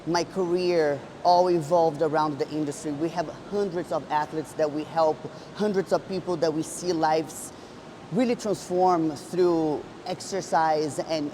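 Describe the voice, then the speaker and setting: A woman's voice: low-pitched, steady tone, unhurried, background noise. A woman in her thirties, a bodybuilder and coach, telling her story in an earnest, reflective way with many restarts. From Brazil. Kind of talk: personal storytelling vlog.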